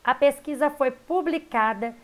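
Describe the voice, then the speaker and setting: Brief: high-pitched Brazilian woman teacher, affectionate and patient, walking students through a worksheet. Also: unhurried. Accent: Brazilian Portuguese. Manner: warm, addresses students as "queridos", checks in with "tá?" and "beleza?". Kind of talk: recorded class lesson.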